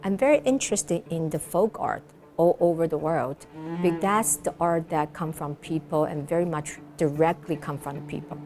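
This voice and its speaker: A middle-aged woman from Taiwan speaks in an interview about her work as a choreographer. Her voice sits low with a gravelly edge, and she searches for words with frequent fillers. Music plays clearly behind her. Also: moderate pace, darkish tone. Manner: thoughtful, many fillers and restarts. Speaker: choreographer and dancer. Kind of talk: interview answers.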